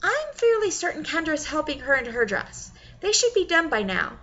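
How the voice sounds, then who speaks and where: An excitable young best friend, played by a woman reader, gushing in a high, teary voice. Her tone is bright and sharp, pitched well above the reader's own. The recording is dull and lo-fi. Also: normal speed, a little hiss or hum, heavily acted. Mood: gentle.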